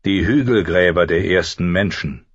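A man's voice: deep voice, moderate pace, slightly rough, no echo, lo-fi sound. A man voicing a stern reserved lord. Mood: calm. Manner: calm, restrained, cool. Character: grave reserved northern lord, dutiful and stern. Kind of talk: audiobook character voice.

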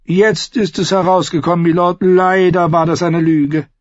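A man's voice: high-pitched, fairly even intonation, normal speed, no room sound, voice pushed up, close to an everyday voice. A man doing a mocking outlaw singer. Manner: courteous and mocking. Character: mocking outlaw singer, falsely polite, cruel. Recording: dull lo-fi recording.

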